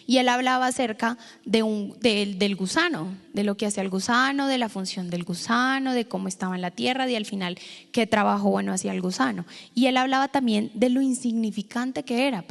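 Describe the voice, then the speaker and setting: A woman's voice: on the high side, brisk, creaky. Woman pastor preaching in a reverberant hall. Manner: storytelling, animated, addresses the congregation directly. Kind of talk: sermon with personal anecdote. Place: church hall. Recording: long church hall reverb.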